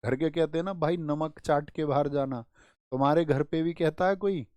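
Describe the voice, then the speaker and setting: Teaching online, a male exam-prep instructor quizzes students rapidly and uses small stories as memory aids. He speaks slightly high with a darkish tone, and there's no echo.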